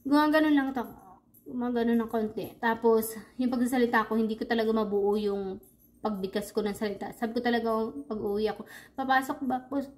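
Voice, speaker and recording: A woman from the Philippines speaks in a casual, confiding vlog monologue. Her voice sits a little high. She talks in a reflective, rambling way and often pauses to restart a thought. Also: steady tone, darkish tone. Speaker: vlogger.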